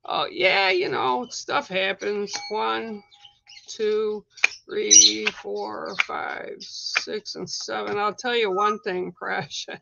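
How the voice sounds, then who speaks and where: A live-stream host with a rough, hoarse, medium-pitched voice chats casually with viewers, greeting them by name between coughs. He speaks very slowly with fairly even intonation, over dull audio and a noisy background.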